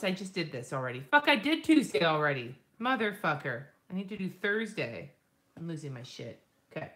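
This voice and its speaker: A woman's voice: low voice, fairly bright tone. A woman hosting a live stream, chatting casually and rambling while she draws, swearing freely and laughing often. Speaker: lettering artist and live-stream host.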